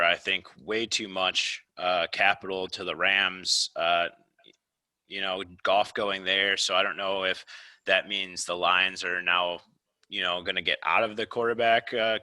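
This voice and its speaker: Man, podcast co-host, very low voice with a sharp edge, measured sports analysis. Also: flat delivery, no echo, low-quality recording. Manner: measured, lays out analysis point by point. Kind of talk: casual sports chat.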